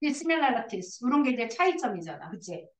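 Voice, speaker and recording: A woman teaching a high school English class, explaining a passage and coaxing her students with constant questions. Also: big pitch swings, normal speed, echoey room, recorded from a distance, rough recording. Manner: coaxing, asks students questions and answers herself.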